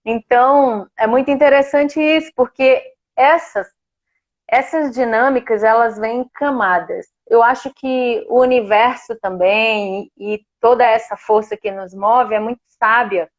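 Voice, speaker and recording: A woman with a Brazilian Portuguese accent, appearing as a guest, recounts a personal experience with emotion and warmth, now and then laughing. Her voice is slightly high at a measured pace, and the recording has its highs cut off.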